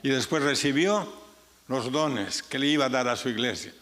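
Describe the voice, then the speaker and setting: Pastor guy preaching in a big echoey church, mid pitch, gets loud on the big points. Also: normal speed. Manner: earnest preaching, rising and falling sharply for emphasis. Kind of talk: sermon. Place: church sanctuary. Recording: church sanctuary with long reverb.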